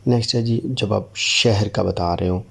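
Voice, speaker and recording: Deep, gravelly teacher. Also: male voice. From Pakistan. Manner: slow, deliberate model sentences with frequent "theek hai" check-ins. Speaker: English teacher. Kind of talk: language lesson in Urdu.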